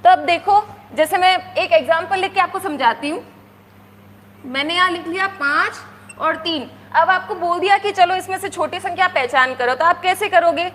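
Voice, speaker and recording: Lady teacher talking to little kids, keeps asking right?, counts slow, classroom echo. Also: extremely high pitch, a bit bright, slight background noise. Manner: coaxing, asks "right?" often, counts aloud slowly. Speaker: primary school teacher. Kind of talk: explaining to young children. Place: classroom with a board.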